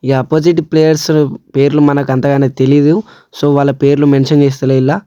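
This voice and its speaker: A man's voice: a little high, little pitch movement, fast, warm tone, no room sound, dull audio. A man with a Telangana Telugu accent narrating a local tournament vlog in a casual way. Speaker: vlogger presenting a local tournament.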